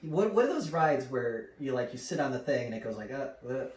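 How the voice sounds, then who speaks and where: A man's voice: mid-range voice, fairly quick, recorded from a distance, crowd noise. A man co-hosting a podcast, telling casual stories with lots of swearing and laughter. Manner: laughs a lot, swears freely, animated when telling stories. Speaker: podcast co-host. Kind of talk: casual chat, storytelling. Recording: echoey room, voice a bit off-mic, faint noise.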